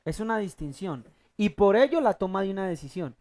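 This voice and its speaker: Preacher in a teaching sermon, mid-pitch, halting restarts, call-and-response questions to the congregation. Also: expressive, a little mellow. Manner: asks the congregation fill-in questions, repeats key words slowly; halting restarts, thinking aloud. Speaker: preacher teaching a Bible class.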